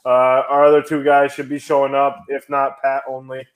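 A young man co-hosting a casual sports podcast, excitable and quick to laugh, sometimes bursting into shouts. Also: medium pitch. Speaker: podcast co-host.

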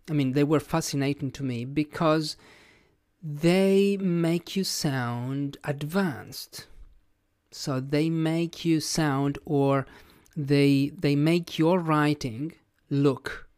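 In a dry, clean studio recording, a medium-pitched voice gives a plain-spoken, reflective podcast lesson. The speaker is an English teacher whose first language is Italian, speaking with an Italian accent and thinking aloud along the way.

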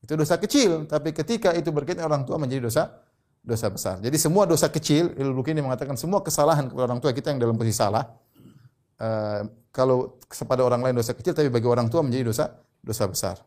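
A man giving a religious lecture, repeating key phrases and reading Arabic quotations slowly. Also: medium pitch, a little mellow. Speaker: Islamic preacher.

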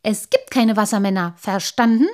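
A woman's voice: on the low side, flat delivery, moderate pace. A woman voicing a tall, thin, stuffy man who is grumpy and scornful. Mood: angry. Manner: scolding, huffy, scornful.

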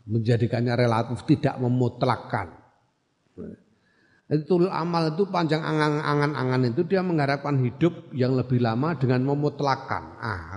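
Man, religious text lesson, ordinary mid pitch, long hall reverb. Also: darkish tone. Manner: reads Arabic text, glosses it in Javanese, then explains in Indonesian; checks in with listeners with short questions. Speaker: religious teacher. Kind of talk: classical text study lesson.

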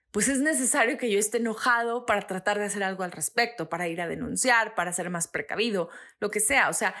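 A woman in her thirties hosting a podcast, explaining ideas in an earnest, teaching monologue that climbs in pitch to stress a point. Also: a bit bright. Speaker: podcast host.

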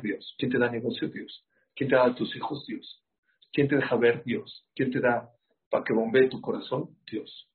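A man giving an animated sermon, full of rhetorical questions to his listeners. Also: medium pitch, husky. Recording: muffled lo-fi sound.

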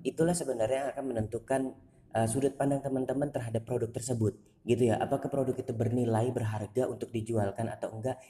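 A man hosting his own channel, talking in a relaxed, rambling way with many fillers. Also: mid-range voice. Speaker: channel host. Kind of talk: casual talk. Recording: echoey room with long reverb.

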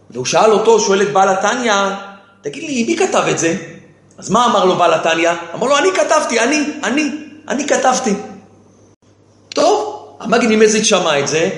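A man's voice: sits high, a bit bright, echoey room. A man giving a sermon as a rabbi who keeps asking rhetorical questions and answering them himself, with key phrases repeated for emphasis. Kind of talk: sermon with storytelling.

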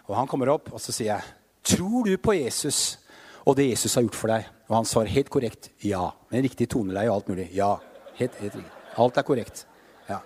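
A man's voice: medium pitch, a little mellow, husky, in a large hall. A man in his fifties preaching a sermon, telling stories and rising into fervent proclamation. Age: 50s.

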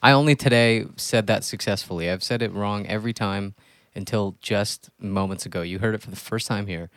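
A man's voice: fairly low pitch, fairly quick, fairly bright tone, clear, resonant tone, no echo, studio quality. A man hosting a podcast, talking casually about films in conversational style. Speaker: podcast host. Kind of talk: casual film discussion.

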